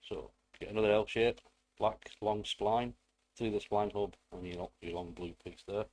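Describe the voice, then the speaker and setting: A man's voice: on the low side, steady tone, normal speed, darkish tone, dry recording, poor audio. A British man giving a casual hands-on build tutorial in a rambling, self-deprecating way with playful asides. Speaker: hobbyist presenter.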